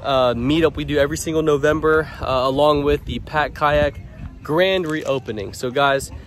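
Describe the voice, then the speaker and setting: Soft music plays behind a young adult male vlogger from Louisiana as he casually shows viewers around, first by a waterside dock and then inside a small shop. His voice is a little high and moves at normal speed, his manner upbeat and direct to the audience, captured by a handheld camera held close.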